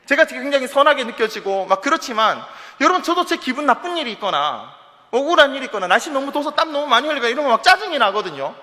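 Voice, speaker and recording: High, animated pastor preaching in a reverberant hall. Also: male voice, fast talker. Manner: lively, animated preaching with sudden drops to quiet asides. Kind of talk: sermon. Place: church sanctuary.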